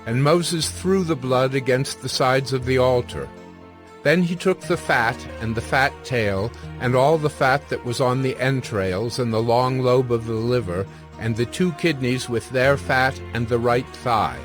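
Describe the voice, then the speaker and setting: With music behind him, a man with a mid-range voice narrates scripture from a script, keeping his delivery solemn and measured.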